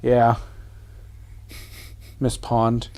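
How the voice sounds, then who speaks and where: A man's voice: mid-range voice, completely flat delivery, extremely slow, darkish tone. A young man co-hosting a podcast, bantering playfully and making fun of himself. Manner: self-deprecating, playful banter. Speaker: podcast co-host. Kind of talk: casual chat.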